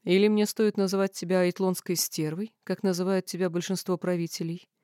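A woman voicing a hateful red-haired male lord in an audiobook, growling and shouting with cold contempt. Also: fairly low pitch, fairly even intonation, fairly quick, clear, resonant tone, no room sound, studio quality, lightly acted. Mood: mocking.

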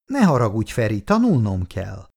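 A man's voice: fairly low pitch, huge pitch swings, creaky, a little mellow, full character voice. A man voicing a cool, curt young woman busy with her studies.

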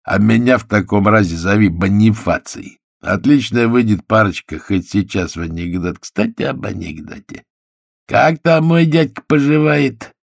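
A man voicing a swaggering male criminal who talks in a hoarse, offhand, slangy drawl. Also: fairly low pitch, normal speed, no echo, clean studio sound, voice pushed up. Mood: mocking.

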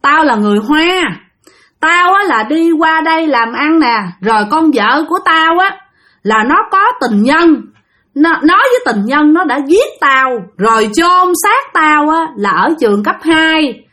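Woman putting on a jealous dead man's ghost, brusque and scolding, pitched up and louder than her storytelling voice. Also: animated, unhurried, exaggerated voice. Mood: possessive. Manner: brusque and scolding, crude familiar address. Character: long-dead jealous possessive male ghost.

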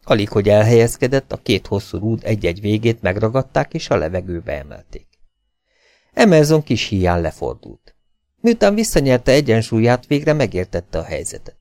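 A man reading a humorous novel aloud as an audiobook, with lively, expressive storytelling. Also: lowish voice, no room sound, clean studio sound. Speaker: audiobook reader.

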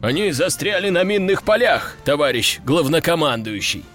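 A man's voice: on the high side, very animated, normal speed, fairly bright tone, faint music behind. A man voicing a weary, dutiful army general reporting in an audiobook.

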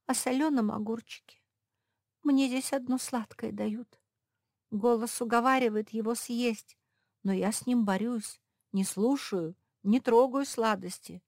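A woman's voice: on the high side, creaky, a little mellow, no room sound, studio quality, voice pushed up. A woman voicing the smallest pug, a timid and self-doubting girl, speaking in a plaintive, timid way.

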